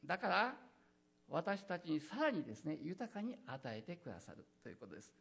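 A preacher delivering an earnest sermon, pitch swinging widely through the phrases. The voice is husky and gravelly, and it often hesitates on fillers. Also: very animated, a little fast, fairly bright tone. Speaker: pastor.

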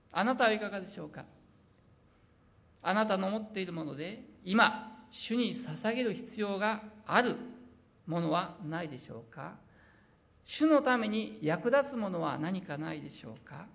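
Gravelly preacher with an Osaka accent. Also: mid-range voice, a bit bright. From Osaka, Japan. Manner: earnest, reads scripture slowly, slips into dialect. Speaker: preacher and missionary. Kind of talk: sermon with personal testimony.

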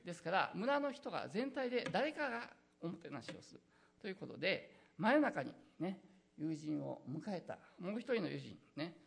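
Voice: mid-range voice, sing-song, moderate pace, vocal fry, a little hiss or hum. A pastor preaching a sermon in an earnest, exhorting manner, with frequent hesitant fillers.

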